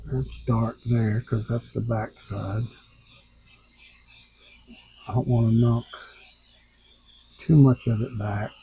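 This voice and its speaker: A man's voice: mid-range voice, fairly even intonation, takes it slowly, creaky, pauses often, warm tone, slight background noise. A man airbrushing in his home workshop, thinking aloud and muttering to himself as he works, with the hiccups, recorded on a tablet camera. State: has the hiccups. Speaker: airbrush artist. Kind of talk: casual talk while working. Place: home workshop under overhead lights.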